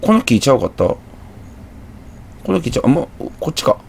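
Narrating a horror game let's play, a young commentator with a Kansai accent talks to himself and reacts with jumpy exclamations. His husky, slightly mellow mid-range voice is sing-song and brisk, with vocal fry.

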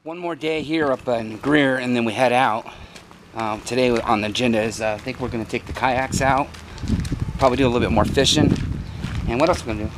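Vlogger dad, upbeat, mid pitch, steady hiss of water behind. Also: male voice, quick pace. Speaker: family vlogger. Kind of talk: casual family vlog narration.

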